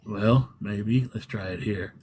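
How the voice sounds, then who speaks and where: Low-voiced man in a rambling chat. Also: steady tone, slow pace, a little mellow, faint music behind. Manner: rambling explanations, frequent restarts. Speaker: livestream room owner, guest. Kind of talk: casual interview chat.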